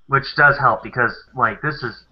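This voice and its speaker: A man's voice: mid-range voice, moderate pace, slightly rough. A man from the American South co-hosting a live stream, chatting casually and explaining things at length with many fillers. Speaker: co-host of a live stream show. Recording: dull lo-fi sound.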